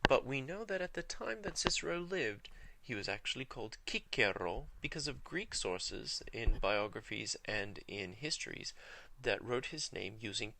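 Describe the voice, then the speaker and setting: A man giving a video lesson on Latin, speaking in a measured, careful way and slowing down to spell out Latin words. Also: medium pitch, vocal fry, pushed and bright. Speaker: Latin teacher.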